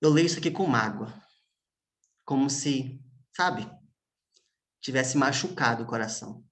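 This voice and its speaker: A man, a pastor preaching a sermon as emotional storytelling, with long pauses and hushed moments. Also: mid-range voice.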